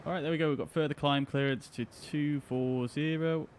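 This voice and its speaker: A man's voice: on the high side, steady tone, brisk, noisy background. A man giving casual, explanatory running commentary as he streams a flight simulator. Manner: chatty, explanatory.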